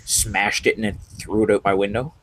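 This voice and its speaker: A man's voice: lowish voice, fairly even intonation, brisk, fairly bright tone, slight background noise. A man co-hosting a casual podcast, joking in an offhand way with hesitant fillers. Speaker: podcast co-host. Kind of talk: casual political chat.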